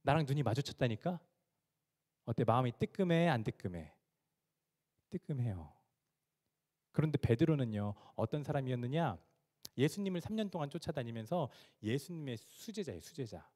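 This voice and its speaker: A man's voice: medium pitch, lively intonation, normal speed, long pauses, a little mellow. A male pastor preaching a sermon, retelling a story dramatically and asking his listeners questions.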